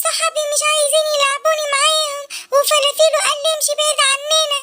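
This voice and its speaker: A voice actor playing a small, eager young male monkey in an Egyptian cartoon, squeaky and quick with an Egyptian Arabic accent. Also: flat delivery, pushed and bright. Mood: pleading.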